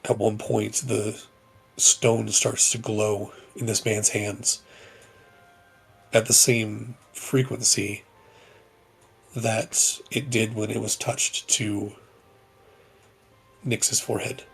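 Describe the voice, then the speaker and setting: A man narrating a tabletop game as game master, in slow, measured descriptive narration over faint music. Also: fairly low pitch, little pitch movement, creaky, slightly rough.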